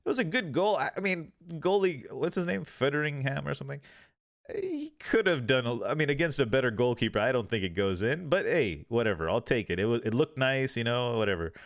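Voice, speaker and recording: A man's voice: mid-range voice, big pitch swings, a little fast, no echo, studio quality. A man hosting a casual football podcast, rambling with many fillers and restarts. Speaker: podcast host.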